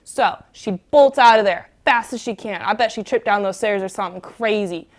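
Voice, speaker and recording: A woman's voice: medium pitch, normal speed. Chatty woman telling a comic bedtime story. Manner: chatty, keeps asking "right?"; asides to her dog. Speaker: comedy host.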